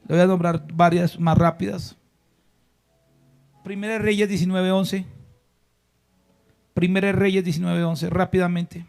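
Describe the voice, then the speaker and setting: A man with a notably high voice preaches a sermon in a church, pressing his listeners with question after question. He swings from loud exhortation down to hushed, drawn-out emphasis and has the congregation repeat lines back to him. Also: flat delivery, gravelly, soft background music. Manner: preaching with rhetorical questions and call-and-response. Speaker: pastor.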